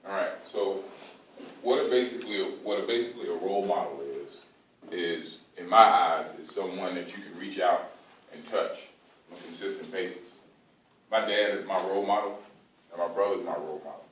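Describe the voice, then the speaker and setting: An American man, middle-aged, giving an informal, earnest pre-game pep speech to his team as a coach, halting and repeating phrases for emphasis. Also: deep voice. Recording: echoey room, distant mic, faint background noise.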